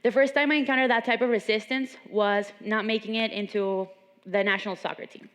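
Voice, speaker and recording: A woman's voice: medium pitch, fairly even intonation, fairly quick, fairly bright tone. A young adult woman from Venezuela giving an earnest motivational talk at a seminar, telling stories. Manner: earnest, storytelling. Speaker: seminar speaker. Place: large gym. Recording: long reverb in a gym hall.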